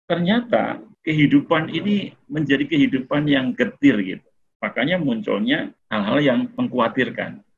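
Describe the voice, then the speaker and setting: A man's voice: mid-range voice, breathy edge. A middle-aged man giving a casual lecture to an online audience as a webinar speaker, talking in a conversational way with frequent "eh"s and light chuckles. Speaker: webinar speaker on mental health. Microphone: video call. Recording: muffled lo-fi video-call audio.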